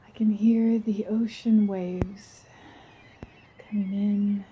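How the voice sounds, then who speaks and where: Gentle and dreamy, a woman guides a first-person visualization in a soft, breathy mid-range voice with hardly any pitch movement. She takes long, unhurried pauses, and the audio is dull.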